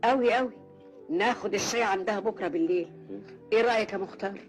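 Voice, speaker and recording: Sociable Egyptian woman played by an actress, fast, film music behind. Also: mid-range voice, lightly acted. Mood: amused.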